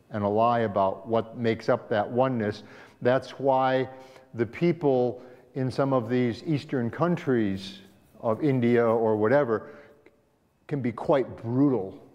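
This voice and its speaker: A male pastor with a mid-range, slightly mellow voice leads a Sabbath school class in a church sanctuary, talking it through conversationally and putting questions to the class. The recording sounds dull and echoey, like a church hall.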